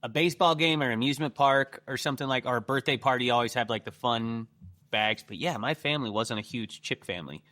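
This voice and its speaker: Male podcast co-host, average pitch, teasing, relaxed chat. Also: fast. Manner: laughing hard, teasing, swears. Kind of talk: casual chat.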